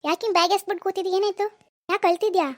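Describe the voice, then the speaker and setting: A performer doing a gentle but firm cartoon village mother. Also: very high-pitched, fairly even intonation, rapid-fire, no echo, studio quality, voice pushed up. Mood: soothing. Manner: soothing, coaxing, practical. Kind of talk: Kannada cartoon voice acting.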